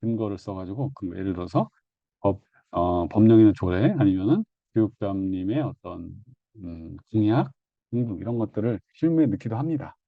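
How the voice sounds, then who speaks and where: A man's voice: lowish voice, lively intonation, moderate pace, no room sound, phone-quality sound. A man giving an online exam-prep lecture in a conversational, repetitive teaching manner, often correcting himself mid-phrase.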